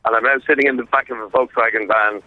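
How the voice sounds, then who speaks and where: A man's voice: mid-range voice, fairly even intonation, quick pace, faint music behind. A man giving an emphatic, casual live report over the phone, often repeating himself for effect. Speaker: radio show presenter on a challenge. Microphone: phone call. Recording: muffled, phone-like line.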